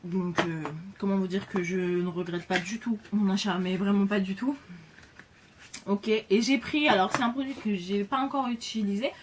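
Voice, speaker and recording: A woman's voice: medium pitch, steady tone, moderate pace, background noise. A woman chatting casually in a beauty haul video, enthusiastic, with lots of fillers and repeated words. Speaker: beauty vlogger.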